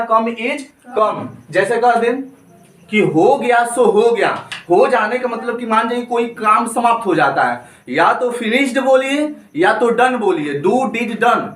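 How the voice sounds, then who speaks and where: A man's voice: very high voice, a bit bright, roomy sound, recorded from a distance. A man teaching spoken English, drilling each point with repeated questions and answers in a classroom style. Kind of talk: classroom grammar lesson.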